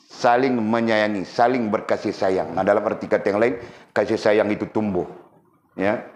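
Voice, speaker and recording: A man giving a lively religious lesson, often putting questions to his listeners. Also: lowish voice. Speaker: religious teacher. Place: religious boarding school community. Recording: echoey room with faint noise.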